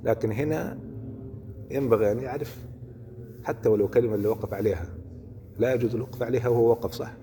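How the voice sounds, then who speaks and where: Fast-talking man teaching Quran recitation. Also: medium pitch, warm tone. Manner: explanatory, checks in with listeners often. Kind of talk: religious lesson. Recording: hall reverb with faint noise.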